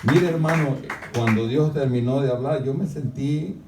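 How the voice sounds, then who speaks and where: A man's voice: normal speed, over music. Preaching man, roomy distant sound. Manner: preaching with frequent "hermano", swings to loud high-pitched shouting. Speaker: pastor. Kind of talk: sermon. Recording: echoey church sound from a distant mic.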